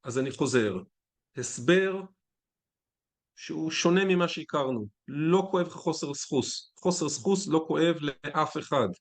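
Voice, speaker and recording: A man, a physician, giving a conference lecture in a conversational, candid way with anecdotes. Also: a little high.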